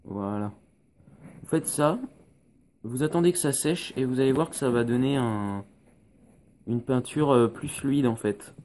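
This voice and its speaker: A man's voice: mid-range voice, measured pace, long pauses, dark tone, slight background noise. A man giving a casual painting tutorial, recorded on a phone, explaining each step with many hesitations.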